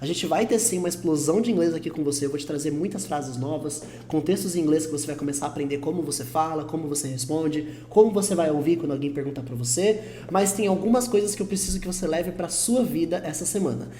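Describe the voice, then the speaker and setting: A man with a Brazilian Portuguese accent teaching an online English lesson, patient and reassuring, repeating each example slowly. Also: fairly high pitch, mellow, slight background noise. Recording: roomy echo.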